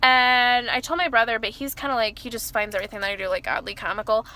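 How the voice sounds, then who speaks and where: This vlogger, a woman in her early 20s, speaks fast and loud with a voice on the high side and a steady tone, chatting to camera from her car. Her confessional talk rambles and self-interrupts, with many restarts and fillers like "like" and "you know."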